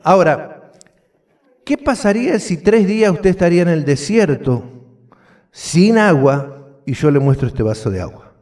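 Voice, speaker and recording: A man's voice: high-pitched, animated, unhurried, long pauses, darkish tone. A man with an Argentine accent preaching a sermon as pastor, asking the congregation questions as he goes. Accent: Argentine Spanish. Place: church hall.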